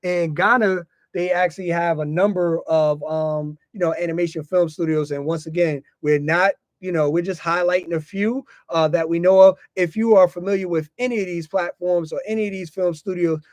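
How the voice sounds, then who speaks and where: This American podcast host's voice sits high, holding a steady tone at a moderate pace with few pauses. He talks casually and informally, often repeating himself and adding "you know" to his phrases. There's no echo.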